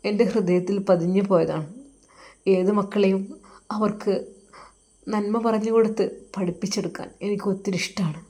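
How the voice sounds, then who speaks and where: A woman's voice: mid-range voice, natural voice. Woman voicing a heartbroken young cleric. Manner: sorrowful, halting, soft-spoken.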